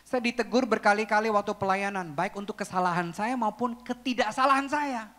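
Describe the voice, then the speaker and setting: Male pastor, high-pitched, humorous storyteller, reverberant hall. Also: brisk, a bit bright. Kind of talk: sermon. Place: church auditorium. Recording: long reverb of a large hall.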